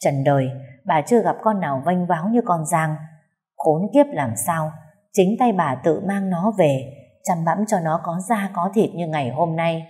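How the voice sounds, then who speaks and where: A woman narrating a dramatic family story in an expressive storytelling voice. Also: fairly low pitch, normal speed.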